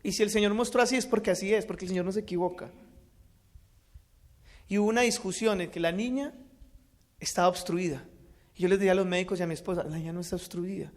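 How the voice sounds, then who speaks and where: A man gives an earnest religious testimony, shifting between loud and hushed. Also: high voice, quick pace, long pauses. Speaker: speaker giving a testimony.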